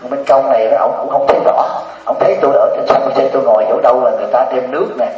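Joking Southern Vietnamese monk, echoey hall. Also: male voice, mid-range voice, racing, slight background noise. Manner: lively joking storyteller, teasing. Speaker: Buddhist monk teacher. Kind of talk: humorous dharma talk to a congregation. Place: hall with a live audience. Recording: roomy dull sound from a distant mic.

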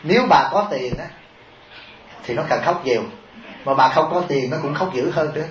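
Joking monk, echoey tape. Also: male voice, fairly high pitch, moderate pace, a little hiss or hum. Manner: joking, chuckles often, rhetorical questions to the audience. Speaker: Buddhist monk teaching his followers. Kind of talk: humorous sermon. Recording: echoey, dull taped sermon recording.

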